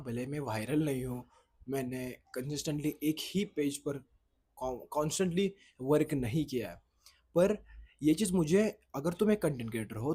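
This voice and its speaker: Outdoors in the sunshine at a boys' hostel, a young content creator whose first language is Marathi rambles to his camera, drifting off track and self-correcting. He has a mid-range, darkish, slightly rough male voice.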